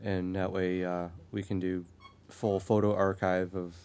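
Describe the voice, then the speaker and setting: Man, very low voice, casual podcast chat, hesitant, dry humor. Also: level tone, measured pace, a little mellow, clear, resonant tone. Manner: hesitant with fillers, dry jokes. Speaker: podcast co-host.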